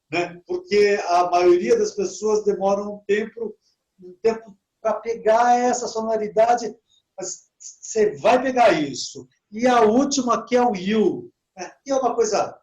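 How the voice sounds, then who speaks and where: A man teaching English to Portuguese speakers in a relaxed online talk, often adding "né?" and slowing down to model English words. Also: high-pitched, low-quality recording.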